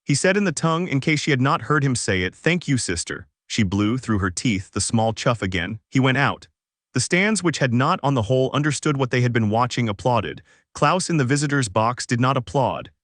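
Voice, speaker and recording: A man's voice: medium pitch, lively intonation, fairly quick, fairly bright tone, no room sound. Man narrating a story in a dry, close voice. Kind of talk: scripted narration.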